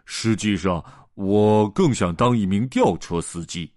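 Scatterbrained old doctor, slow, halting, dry close mic, man reading. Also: fairly low pitch, darkish tone, dry recording, close to an everyday voice. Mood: flustered. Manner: slow and hesitant, full of ers.

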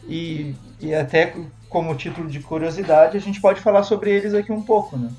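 A man's voice: a little high, steady tone, moderate pace, dark tone, reverberant, faint music behind. A man from Brazil chatting casually as a podcast co-host, telling a story with many restarts and tag questions. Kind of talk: casual chat.

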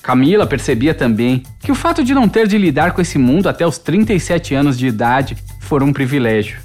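A narrator reads a novel in a measured, expressive voice of middle pitch. The delivery rises and falls a great deal, and soft music plays faintly underneath. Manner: measured, expressive literary reading. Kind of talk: audiobook narration.

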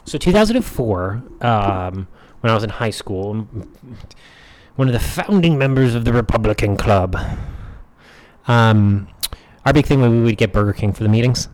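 American man in his thirties, animated podcast storyteller. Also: fairly low pitch, normal speed. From United States. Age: 30s. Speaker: podcast co-host. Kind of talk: casual podcast banter.

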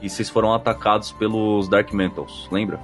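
Answering listener feedback in a relaxed chat, this Brazilian-accented podcast co-host and game master explains things in everyday language. His voice is fairly low and bright, with fairly even intonation at normal speed, and soft music plays behind him.

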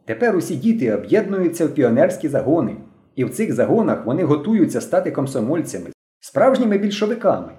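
Man doing a young female pioneer leader, brisk, commanding, high and lively, roomy audiobook sound. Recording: roomy echo.

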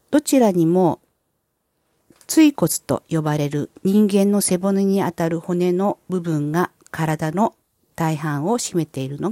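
A woman with a soft-edged, mellow and slightly low voice presents a scripted wellness guide. She speaks in formal, polite sentences with measured phrasing, leading listeners through visualization steps. The sound is dry and close, with very little room. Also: dry recording. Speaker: host of a wellness and spirituality channel.

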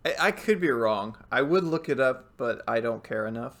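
A man's voice: mid-range voice, lively intonation, moderate pace, a bit bright. A young man chatting casually on a call, easygoing and unsure, often trailing off. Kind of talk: casual chat. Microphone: remote call.

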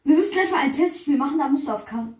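A woman's voice: high voice, animated, very fast, a little mellow, reverberant. A young woman co-playing a game, teasing and joking in casual banter. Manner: playful, teasing, joking interjections. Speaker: co-player in gaming video.

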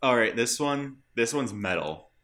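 A man in casual chat, retelling scenes in an animated way and laughing often. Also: mid-range voice, a little slow. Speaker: co-host.

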